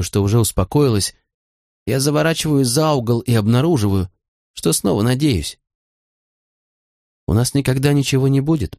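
A man's voice: mid-range voice, dry recording, pitched above the performer's own voice. A man lifts his voice into a young serving woman, hurt and resentful, speaking in a raised, lighter register. Her words come short and cold or spill out in long reproachful runs, voiced for an audiobook in a dry, close sound. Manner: cool and clipped, then pouring out reproach. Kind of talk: audiobook character voice.

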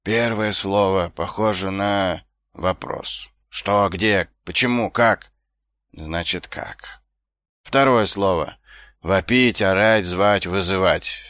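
A man voicing a weary, gloomy middle-aged watch captain in an audiobook, talking slowly and tiredly. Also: a bit bright, no echo, clean studio sound. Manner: slow, tired, low-spirited.

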